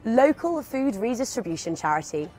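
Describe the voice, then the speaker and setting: A woman's voice: on the high side, very animated, moderate pace, a little mellow. A woman presenting an outdoor feature report at a stadium, upbeat and scripted.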